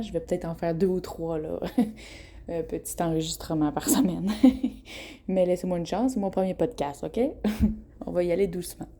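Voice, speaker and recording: A woman's voice: lowish voice, dark tone. A woman in her twenties with a Québécois accent, hosting a casual solo podcast, frank and chatty, often laughing and tripping over her words. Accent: Québécois French. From Quebec. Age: 20s. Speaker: podcast host.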